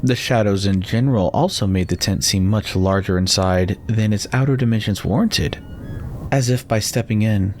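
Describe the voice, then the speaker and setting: Guy reading a fantasy novel dramatically, lowish voice, bit of noise and rumble. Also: normal speed, a little mellow. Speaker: narrator.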